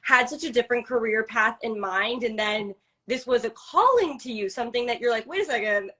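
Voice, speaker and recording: Brief: upbeat woman host, high and bright, leading a live stream chat. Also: expressive, brisk. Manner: upbeat, enthusiastic. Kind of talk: live stream interview hosting.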